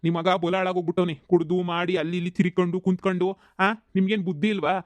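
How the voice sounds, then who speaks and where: A man's voice: high voice, little pitch movement, quick pace, dry recording, lightly acted. A man voicing a stern, reproachful village headman in a cartoon comedy. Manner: reproachful, questioning.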